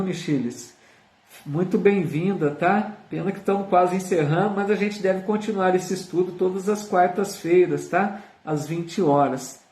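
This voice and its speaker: Brazilian guy leading an online study, fairly high voice, sits back from the mic, echoey room, keeps asking "right?". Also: a little mellow. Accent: Brazilian Portuguese. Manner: earnest and teaching, with frequent tag questions, reading viewer comments aloud. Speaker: Spiritist study leader. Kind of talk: live online gospel study talk. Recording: roomy sound, speaker far from the mic.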